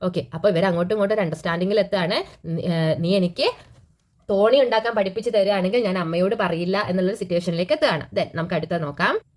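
A woman's voice: lowish voice, a little mellow, slight background noise. Woman teacher quizzing herself aloud. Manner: asks herself questions and answers them; reads lines slowly, then explains them. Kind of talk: explaining a school reading lesson.

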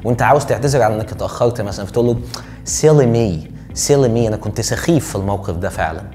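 A young Egyptian man with an Egyptian Arabic accent, teaching English phrases in a joking, slangy way and drawing out the examples slowly. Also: fairly low pitch, warm tone. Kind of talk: casual online English lesson. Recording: faint music behind.

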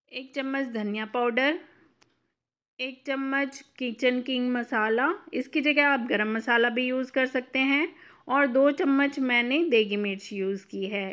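Female cooking host, fairly high and crisp, instructive recipe voice-over. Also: a bit bright. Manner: clear step-by-step instructive.

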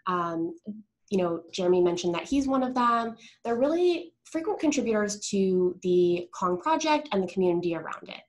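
A woman's voice: medium pitch, animated, moderate pace. A woman hosting an online community meetup, presenting informally and upbeat over a video call. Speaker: developer marketing presenter, call host. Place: indoors, remote video call.

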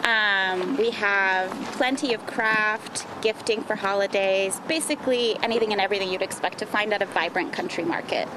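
A woman's voice: medium pitch, moderate pace, few pauses. A woman who runs a farmers market, answering a TV reporter's questions in a friendly, promotional way outdoors. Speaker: market founder and director. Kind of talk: live TV interview answers. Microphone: reporter's handheld mic. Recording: loud outdoor background noise.

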